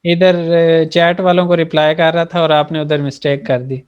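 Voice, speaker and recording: A man teaching an online language class, calm, affirming students with frequent hums. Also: a little high, moderate pace, smooth, dull audio. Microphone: video call.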